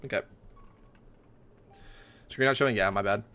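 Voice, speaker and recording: Young guy streaming a game, swears a lot, flips from mumbling to yelling, faint music behind. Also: lowish voice, moderate pace. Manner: excitable, swears often, rants loudly at the game. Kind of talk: casual game livestream commentary.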